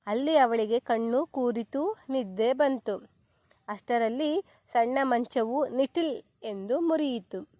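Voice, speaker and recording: A woman reading a children's story aloud in a slow, clear, expressive storytelling manner. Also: a little high, dry recording.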